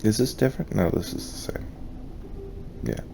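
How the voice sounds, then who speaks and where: A man's voice: on the low side, big pitch swings, moderate pace, gravelly, noisy background. A man giving casual let's play commentary on a horror game, swearing offhandedly and reading game notes aloud in a mock-dramatic voice. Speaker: gamer playing a horror game.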